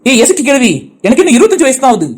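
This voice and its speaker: A woman's voice: sits high, sing-song, racing, darkish tone. A woman voicing a soothing, pleading young village woman in her twenties in a cartoon, with a Tirunelveli Tamil accent. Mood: chatty.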